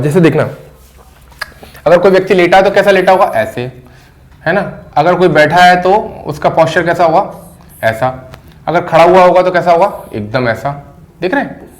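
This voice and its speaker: A middle-aged man teaching an English grammar lesson. He explains slowly and repeats phrases word by word. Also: a little high.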